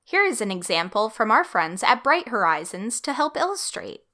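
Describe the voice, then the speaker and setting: A woman's voice: a little high, very animated, moderate pace, noisy background. A woman giving scripted instructional narration for a training video.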